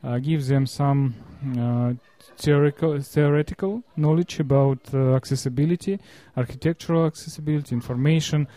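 A man from Russia with a Russian accent, explaining in an interview in halting non-fluent English, often searching for words. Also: a little high, steady tone, dark tone, no room sound.

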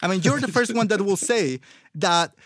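A man's voice: sits high, expressive, moderate pace, a bit bright, no room sound. Mexican-accented man explaining in Spanglish-tinged English, close and dry. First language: Spanish. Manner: Spanglish, English with Spanish-influenced words and pronunciation. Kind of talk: casual conversational explanation.

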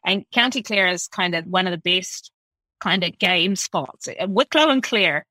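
A woman's voice: on the low side, lively intonation, a little slow, pushed and bright, no room sound, rough recording. A woman, a chef rambling animatedly in a casual podcast interview, full of filler words and swearing. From New Zealand.

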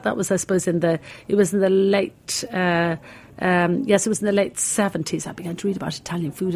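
A woman's voice: fairly low pitch, a little mellow, breathy edge. An older woman with an Irish accent, a cookery school founder and guest, telling long stories in a rambling way with many fillers. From Ireland. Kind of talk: interview, telling a story.

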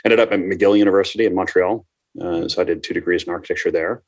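Very deep-voiced male business coach. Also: steady tone, quick pace, darkish tone. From Minnesota. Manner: explanatory, many fillers. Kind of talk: casual interview.

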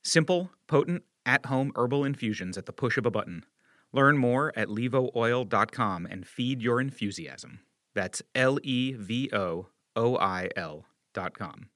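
A man's voice: medium pitch, expressive, measured pace, a bit bright, dry recording, studio quality. Man reading a sponsor ad. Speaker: ad announcer. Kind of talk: scripted ad read.

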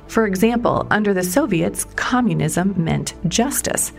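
A woman reporter narrating a documentary story in a measured storytelling way, sometimes stressing questions. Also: medium pitch, expressive, gravelly. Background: music underneath.

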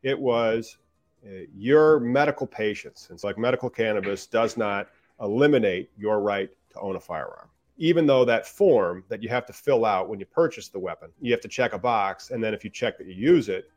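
A man's voice: fairly low pitch, moderate pace, a little mellow, faint music behind. Chatty man explaining the news. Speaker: podcast co-host. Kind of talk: casual chat.

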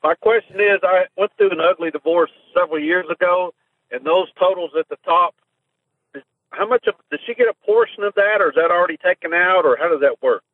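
A man calling in to a radio advice show, heard over a phone line, asking his question politely with halting pauses and fillers. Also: high voice. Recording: narrow tinny phone line.

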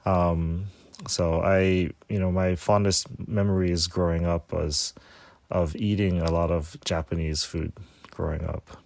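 A man from Hawaii, a guest on an interview podcast, talking casually with frequent pauses and restarts. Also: deep voice, level tone, gravelly, a little mellow. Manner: halting, many fillers and restarts. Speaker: guest, tea shop owner.

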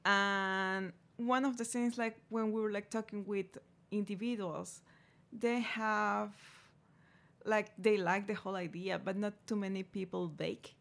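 A woman who founded a food company, answering interview questions in a halting way with many fillers. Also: medium pitch, steady tone, gravelly, fairly bright tone. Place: radio studio.

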